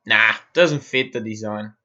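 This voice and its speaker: A man from Austria, muttering to himself while he works through a software build on a live-stream tutorial and answering viewers' questions. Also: fairly low pitch, a little slow, lo-fi sound.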